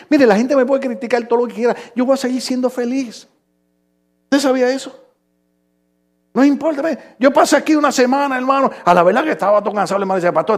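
A middle-aged male pastor with a high voice that turns gravelly. He preaches in a joking, conversational way, teasing the congregation and now and then shouting a line. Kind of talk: humorous sermon.

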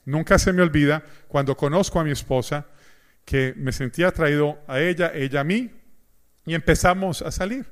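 Animated man preaching a humorous sermon. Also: a little high, moderate pace. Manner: animated storyteller, acts out dialogue. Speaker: pastor.

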